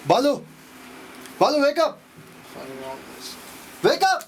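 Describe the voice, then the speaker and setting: A man's voice: very high voice, expressive, fast, background noise. An actor playing a harsh, bullying father, barking orders with contempt. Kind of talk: low-budget short film acting.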